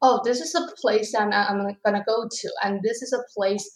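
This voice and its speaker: A young woman from China speaks English with a Chinese accent. She tells her own story as a graduate student, pausing and restarting words as she goes. Her voice is at an ordinary pitch for a woman. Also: steady tone, rough recording. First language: Mandarin Chinese. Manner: halting, with frequent restarts and self-corrections. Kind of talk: personal storytelling.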